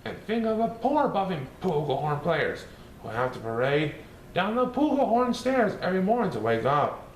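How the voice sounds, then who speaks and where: A man's voice: high voice, sing-song, normal speed. A man voicing a playful, mischievous male cartoon cat, reading a rhyming storybook in a sing-song, bouncy way. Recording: roomy echo, faint hiss.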